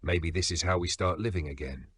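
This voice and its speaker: Worn-out grieving dad, read by a man, hoarse and quiet, low voice. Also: brisk. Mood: emotional. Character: exhausted grieving single father.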